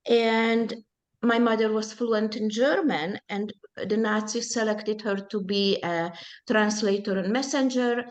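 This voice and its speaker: A Hungarian-speaking woman in her seventies gives a slow, deliberate personal testimony while presenting at a support group. Her voice sits at a medium pitch and stays steady.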